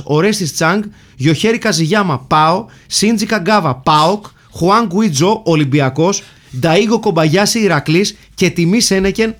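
A man with a slightly raised voice hosts a casual, joking film talk. He reads out listener mail and cast lists in a playful, bantering way. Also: high voice. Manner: jokey, reads lists of names and titles. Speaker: podcast host reading listener mail. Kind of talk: casual comedic film chat.

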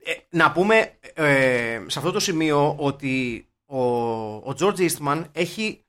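A man co-hosting a casual film podcast, chatty and excitable, swearing in jest now and then. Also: fairly high pitch. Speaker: podcast co-host. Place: informal room, cafe-like.

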